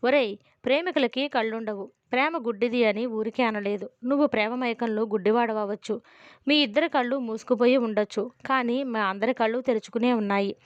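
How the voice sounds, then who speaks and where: A woman's voice: a little high, brisk, no echo, natural voice. A woman reading the part of a teasing, affectionate middle-aged woman doctor who is an aunt. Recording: dull, dry lo-fi recording.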